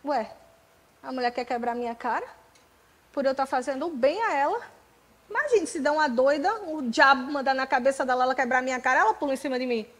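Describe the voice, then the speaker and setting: A woman in her forties with a Brazilian accent, preaching in church, telling her own story with jokes and loud emphatic bursts. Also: high voice, fairly quick, rough recording. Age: 40s. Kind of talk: sermon with personal testimony.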